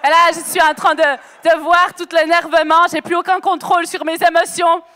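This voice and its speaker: A woman preacher telling a lively testimony sermon, chatty and animated, acting out dialogue with bursts of laughter, on a stage microphone in a church hall. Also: extremely high pitch, moderate pace. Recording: long echo of a church hall.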